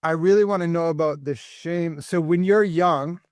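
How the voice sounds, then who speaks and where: A man's voice: on the high side, normal speed, darkish tone, dry recording. A man hosting a podcast, chatty and affirming, with a few digressions. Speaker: podcast host. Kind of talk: casual podcast conversation.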